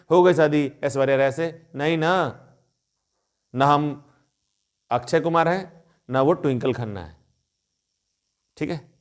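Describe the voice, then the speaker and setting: A man's voice: fairly high pitch, a little mellow. A man teaching a spoken English lesson in a chatty, coaxing way, often calling to his viewers as friends. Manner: chatty, repeats a friendly term of address.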